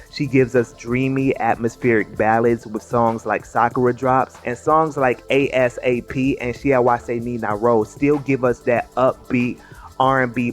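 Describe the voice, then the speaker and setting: A man narrates a scripted music history at a measured pace. Faint music plays under his voice. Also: medium pitch. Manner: measured, informative. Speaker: video essay narrator.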